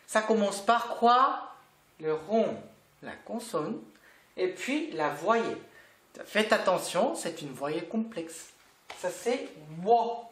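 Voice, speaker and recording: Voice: mid-range voice, fairly bright tone, reverberant. A language teacher giving a patient online lesson, repeating words and asking the learner questions.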